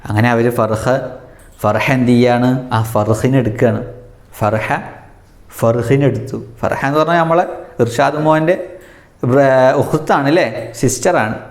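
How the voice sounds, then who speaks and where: A man's voice: mid-range voice, unhurried, pauses often. A man teaching a children's language lesson, telling a story and imitating animal sounds for the class to repeat. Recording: echoey room.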